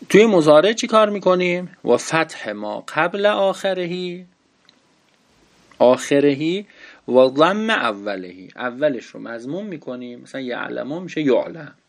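A man teaching an Arabic grammar lesson, explaining patiently, asking and answering his own questions and reading Arabic text slowly. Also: mid-range voice, creaky.

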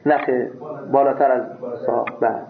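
A man's voice: mid-range voice, steady tone, gravelly, heavy background noise. A man teaching a seminary class. He reads a text phrase by phrase and explains each part plainly, sometimes with a joke. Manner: reads phrases aloud then explains them plainly, with jokes. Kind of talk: classroom text lesson, reading and translating. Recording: echoey room over a phone-like line.

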